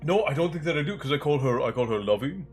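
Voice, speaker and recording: A fast-talking livestream host with a fairly high pitch and lively delivery jokes casually and greets his viewers by name. Soft music fills the background. His voice is still slightly congested, and a bit of a chesty cough shows up.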